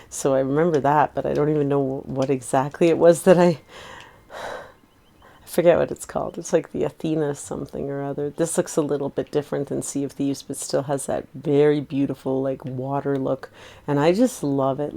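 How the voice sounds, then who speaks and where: Low gravelly-voiced woman streamer. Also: warm tone. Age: 40s. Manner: rambling, chatty, laughs easily. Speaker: game streamer. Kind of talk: casual gameplay chat.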